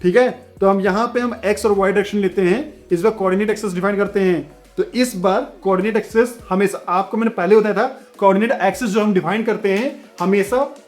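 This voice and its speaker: Man teaching physics, high-pitched and chatty, faint music underneath. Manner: chatty, keeps asking "theek hai bachchon"; reads the question aloud slowly. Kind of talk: online physics lesson.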